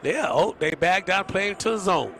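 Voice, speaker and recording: A man, a former defensive back, giving animated, explanatory color commentary on a live football game from a stadium booth. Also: sits high, normal speed, noisy background. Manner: animated, explaining, laughs easily.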